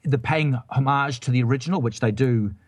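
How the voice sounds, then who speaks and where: A man's voice: mid-range voice, fairly quick, husky, no room sound. A man hosting a casual film review chat, rambling and hesitant with many restarts. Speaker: film review show host.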